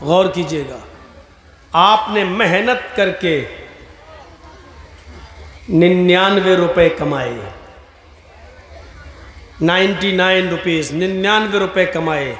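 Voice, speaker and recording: A man preaching a sermon at a religious gathering, animated and swinging between loud emphasis and soft asides. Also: sits high, long pauses. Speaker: Islamic preacher. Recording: echoey hall, faint noise.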